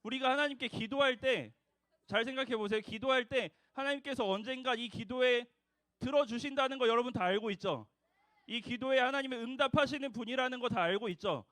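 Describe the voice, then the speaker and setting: A man's voice: very high voice, fairly quick, a bit bright, dry recording, studio quality. A young man preaching a sermon to children, asking them questions and having them repeat after him. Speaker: junior preacher for a children's service.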